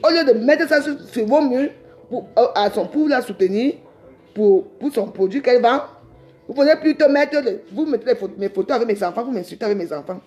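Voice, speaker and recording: A woman's voice: on the high side, lively intonation, brisk, warm tone. A middle-aged woman, ranting defiantly on a live stream and rambling with repeated words. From Cameroon. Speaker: social media livestreamer.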